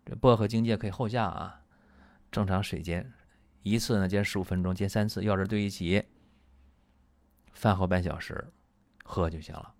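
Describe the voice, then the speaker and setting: A man's voice: low-pitched, fairly even intonation, normal speed, pauses often, darkish tone, dry recording. Chatty man lecturing on medicine. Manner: chatty storytelling with many "啊" and "对吧" asides. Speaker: traditional Chinese medicine doctor. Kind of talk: lecture on case studies.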